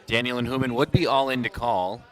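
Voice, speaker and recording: A man giving live poker commentary as a tournament commentator, calling the play in a measured, unhurried way with pauses. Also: mid-range voice, steady tone.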